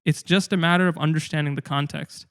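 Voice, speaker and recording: A man's voice: on the high side, steady tone, quick pace, a bit bright. A young man talking earnestly and reflectively in a casual discussion, with frequent fillers and restarts.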